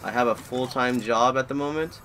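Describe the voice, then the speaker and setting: A man's voice: mid-range voice, a little fast, fairly bright tone, a little hiss or hum. A man in his twenties from Florida, chatting through live gameplay commentary and rambling as the match keeps pulling his attention. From Florida, USA. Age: 20s. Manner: rambling, easily distracted by the match. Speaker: gaming YouTuber.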